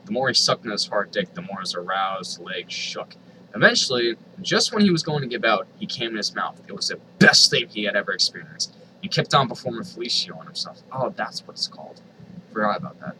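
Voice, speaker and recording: Fairly low-voiced and animated, this reader goes a little fast through a dramatic rendition of online fan fiction over a noisy background. He interjects exasperated, sardonic commentary and swears freely.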